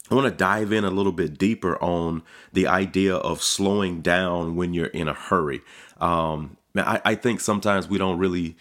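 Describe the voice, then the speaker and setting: A man's voice: low-pitched, a bit bright. A middle-aged man, a pastor, giving a casual devotional podcast talk, conversational and often repeating words as he starts sentences.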